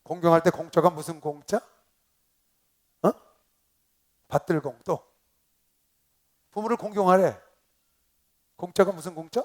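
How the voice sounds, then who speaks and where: A male pastor preaching a sermon, emphatic, with calls and responses to his congregation, swinging between loud exclamations and quiet asides. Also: high-pitched, a little slow, pauses often. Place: convention hall seminar.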